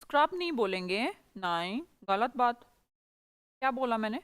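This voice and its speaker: A woman teaching English runs an online class, coaxing her students and quizzing them over and over. Her voice sits a little high and comes through smooth and resonant. The sound is dry and close, with no room echo. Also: lively intonation, normal speed.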